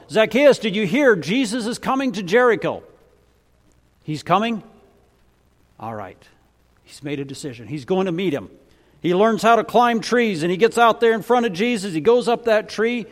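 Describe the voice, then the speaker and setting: Man, fairly high voice, storytelling sermon, dramatic delivery, long reverb of a large hall. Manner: dramatic, acts out dialogue in varied voices. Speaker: preacher.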